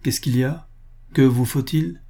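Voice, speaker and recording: A hoarse, gruff young workman in a storybook reading, voiced by a man. He answers curtly and brushes people off, in a husky, dark voice. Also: medium pitch, a little slow, pitched above the performer's own voice. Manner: curt, dismissive.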